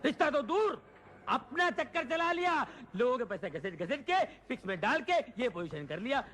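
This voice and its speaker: An actor playing an excitable, lovesick young man who shouts and rants with comic overacting in a film scene. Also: high voice, brisk. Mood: ranting. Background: film score music.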